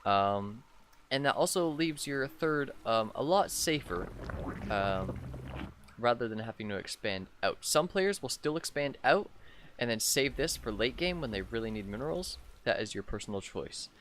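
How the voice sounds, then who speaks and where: A hoarse young man, sick with a sore throat, giving casual commentary on his own strategy game match as a channel host, with lots of um fillers. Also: mid-range voice, expressive, normal speed, a bit bright, a little hiss or hum. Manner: rambling with many "um" fillers.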